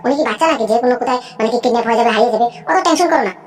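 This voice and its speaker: A woman's voice: a little high, racing, natural voice. A woman voicing a greedy, snobbish, scheming sister-in-law in a cartoon, chattering nonstop and constantly asking whether the listener understood. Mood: falsely sweet. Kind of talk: cartoon voice acting.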